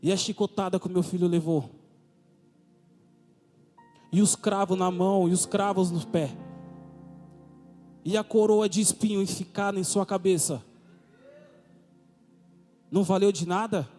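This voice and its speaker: A man's voice: high-pitched, fairly even intonation, measured pace, pauses often, dark tone. A man with a Brazilian accent preaching a testimony sermon, full of fervent repeated rhetorical questions. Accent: Brazilian Portuguese. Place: church. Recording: reverberant church hall with music.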